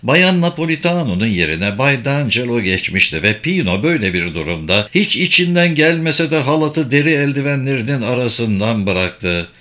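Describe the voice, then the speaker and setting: A man narrating an audiobook in an animated, expressive way. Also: medium pitch, normal speed, hardly any pauses. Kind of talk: scripted narration.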